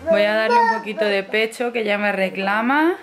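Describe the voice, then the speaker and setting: A young woman from Spain, a mother chatting casually in a vlog, with frequent laughs and soft asides to her baby. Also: mid-range voice, animated, normal speed, over loud music. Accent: Spain Spanish. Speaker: vlogger mother.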